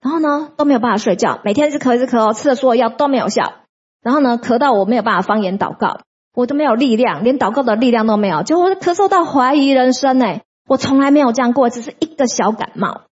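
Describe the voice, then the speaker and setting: A woman's voice: on the high side, animated, quick pace, breathy edge, dull audio. A woman preacher giving a sermon with personal testimony, speaking emphatically and acting out commands against sickness.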